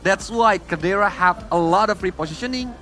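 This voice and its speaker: Man, esports analyst, high voice, bright tone, halting, faint music. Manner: halting, searching for words. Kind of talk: panel analysis.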